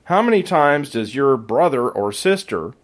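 Man, hoarse raspy voice, podcast host, laid-back slangy faith chat, very lively pitch. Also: unhurried. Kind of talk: casual faith podcast talk.

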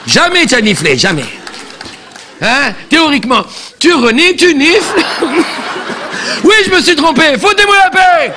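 A man's voice: extremely high pitch, very animated, moderate pace, pauses often, a crowd in the background, background noise. A man playing a chatty, bossy elderly grandmother on stage, repeating words and scolding the audience. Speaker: comic stage character. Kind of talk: live stand-up character comedy. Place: theatre stage.

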